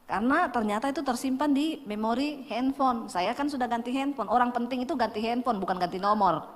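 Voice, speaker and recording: Woman pastor, higher voice, funny storytelling sermon in an echoey church hall. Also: a little fast, slight background noise. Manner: humorous storytelling, addressing the congregation.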